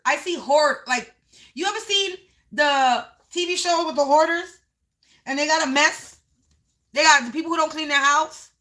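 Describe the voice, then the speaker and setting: A woman with a high, bright voice gives a live psychic reading, describing visions as they arrive in her head. She repeats her phrases and stretches out key words for weight. The voice sits well above most women's and has a sharp, forward edge. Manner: unscripted, narrating visions as they come; repeats phrases, drawn-out emphasis. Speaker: psychic reader.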